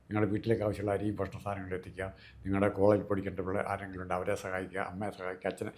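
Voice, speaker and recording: A man, a political commentator talking fast and emphatically, piling up examples. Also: medium pitch, a little mellow. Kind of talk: political discussion.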